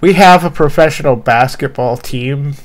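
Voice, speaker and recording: A man's voice: medium pitch, normal speed. A man from Indiana, the show's technical producer, chatting in a crude, joking way. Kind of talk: casual podcast chat.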